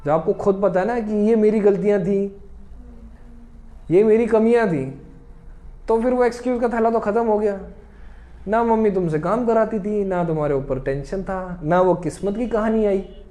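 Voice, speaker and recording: High-voiced lively male teacher. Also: normal speed. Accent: Hindi-speaking North Indian. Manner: lively, asks rhetorical questions and acts out students' excuses. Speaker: nursing exam teacher. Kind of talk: motivational classroom talk.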